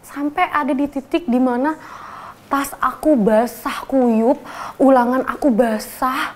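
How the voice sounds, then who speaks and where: A young woman with a high voice tells a story casually at a measured pace. She's animated, acting out quotes loudly and laughing often.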